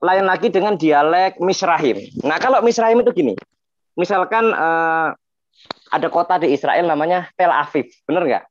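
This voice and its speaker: Man, slightly high voice, teaches and chants verses; dry, dull lo-fi audio. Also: slight background noise. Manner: chants scripture passages slowly between explanations. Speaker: religious teacher explaining dialects. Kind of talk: explanatory talk in a panel discussion.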